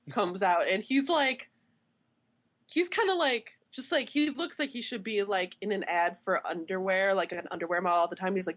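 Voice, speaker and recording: A young woman from Chicago, co-hosting a podcast in casual chat, rambling and animated, full of "like" fillers. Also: medium pitch. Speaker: podcast co-host.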